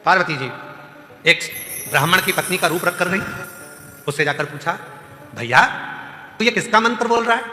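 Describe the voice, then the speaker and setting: A man giving a devotional sermon, telling the story with lively, acted-out voices and loud bursts of emphasis to a gathered congregation. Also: on the high side. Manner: animated, acts out characters, rising to loud exclamations. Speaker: kathavachak preacher. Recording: echoey hall with music behind.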